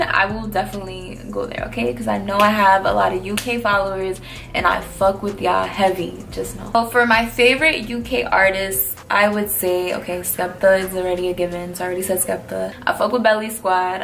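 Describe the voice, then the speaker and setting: Laid-back young New woman, vocal fry. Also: medium pitch, a bit bright. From New York. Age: early 20s. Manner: slangy, blunt, laid-back. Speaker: vlogger answering fan questions. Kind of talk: casual Q&A chat.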